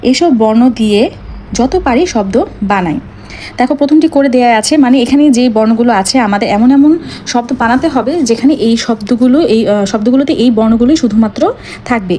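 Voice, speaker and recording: A woman with a Bangladeshi Bengali accent teaches young schoolchildren a lesson. She explains each step patiently and slows down to spell out words. Her voice sits a little high with a mellow, soft tone, over a faint hiss. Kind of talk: primary school lesson walkthrough.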